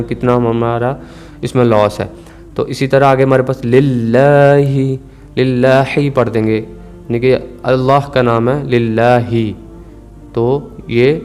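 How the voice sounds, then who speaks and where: A man teaching Quran recitation rules, calmly explaining and slowly stretching out recited words to demonstrate. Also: medium pitch. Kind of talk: tajweed lesson.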